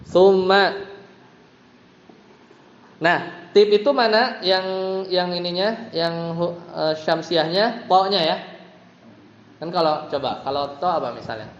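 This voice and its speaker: A man's voice: high-pitched, slow pace, long pauses. A man with an Indonesian accent teaching a tajwid class, patiently explaining each letter and chanting verses for students to repeat. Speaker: Quran recitation teacher. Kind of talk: tajwid lesson with call-and-response chanting. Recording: dull, roomy hall recording.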